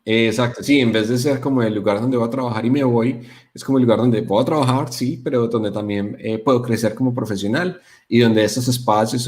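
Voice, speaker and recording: A young Colombian man with a fairly low voice chats as a guest in an interview. He tells stories in an animated way, with plenty of "eh" fillers. His Colombian accent comes through clearly. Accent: Colombian Spanish (Paisa). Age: young adult. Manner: animated storyteller, many fillers. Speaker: guest, software developer. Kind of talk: casual interview chat.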